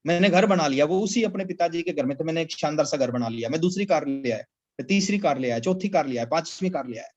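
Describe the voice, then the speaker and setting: A man's voice: a little high, expressive, fast. A man giving a motivational business talk in a webinar, emphatic and repetitive, often addressing listeners as sir. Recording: slightly dull lo-fi audio.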